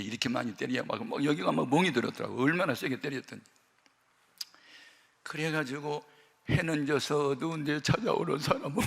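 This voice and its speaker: Gravelly, bright-voiced male pastor preaching. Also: medium pitch, big-room sound. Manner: animated storyteller, acts out quotes. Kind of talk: sermon with personal storytelling. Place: prayer house worship hall.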